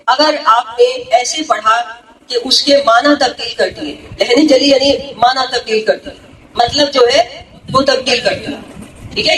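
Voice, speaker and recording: A woman's voice: fairly high pitch, a bit bright. A woman religious speaker teaching a gathering, explaining step by step and often checking that listeners follow. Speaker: female religious speaker (zakira). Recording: echoey hall, distant mic, faint noise.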